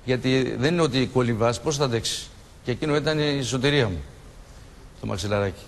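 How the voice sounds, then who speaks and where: A man's voice: medium pitch, a little hiss or hum. Man, sixties, TV studio interview, plain storytelling, voices the people he quotes, reverberant studio. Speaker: shipwreck survivor guest. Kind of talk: emotional recollection in a TV studio interview.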